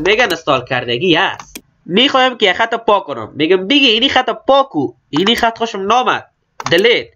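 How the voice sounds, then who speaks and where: A man's voice: sits high, sharp tone. A man with an Afghan Dari accent giving a step-by-step computer tutorial, explaining each click plainly and repeating steps. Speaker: computer instructor. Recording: slightly dull lo-fi recording.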